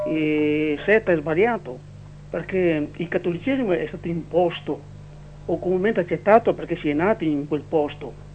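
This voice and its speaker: First-time male caller from the Veneto, measured and explanatory, high voice, muffled line. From Veneto, Italy. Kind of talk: phone-in radio call. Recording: muffled phone line with faint hum.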